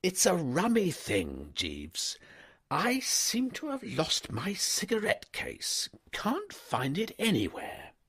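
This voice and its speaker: A man voicing a bright, excitable upper-class young English gentleman who stammers and chatters in breezy slang. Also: high voice, slow, slightly rough, pitched above the performer's own voice, heavily acted.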